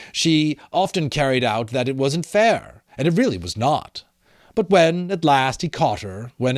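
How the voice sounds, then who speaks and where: Reading in a medium-pitched voice, this middle-aged man gives a theatrical, emphatic storybook narration, pausing now and then to explain things casually. He is an amateur audiobook reader, captured in a dry, studio-quality recording.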